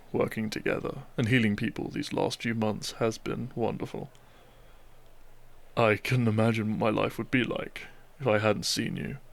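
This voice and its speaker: In a romantic audio roleplay, a man plays a devoted, tender doctor who has just married, speaking softly and earnestly to his beloved. His voice is on the low side, with vocal fry.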